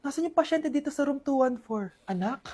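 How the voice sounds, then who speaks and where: High-voiced woman in a comedy skit, dramatic pleading delivery. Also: expressive, fairly quick, mellow.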